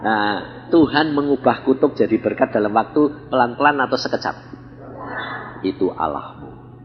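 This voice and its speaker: A man's voice: medium pitch, lively intonation, normal speed. An older man with a Javanese accent, an evangelist telling a testimony in a sermon, blunt and acting out the voices in his stories. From Central Java, Indonesia. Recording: reverberant hall, dull lo-fi sound.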